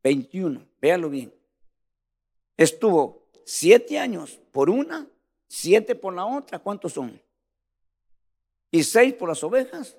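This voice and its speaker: Slow and gravelly, with a voice that sits high and frequent pauses, a man preaches in a church. He grows animated, calling listeners "brother" again and again while his volume rises and falls.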